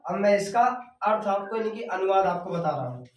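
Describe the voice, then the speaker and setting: A man's voice: high voice, expressive, far from the mic. Echoey male teacher explaining verses. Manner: repeats words slowly while writing; chants verses in a sung recitation. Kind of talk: board lesson on Sanskrit verses. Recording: echoey room, voice off-mic.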